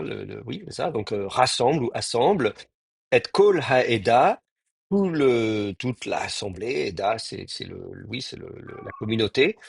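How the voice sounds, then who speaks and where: A man teaching an online Hebrew class, talking in a halting way with many fillers and restarts, and sounding out Hebrew words slowly. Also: medium pitch, creaky, husky, no echo, studio quality.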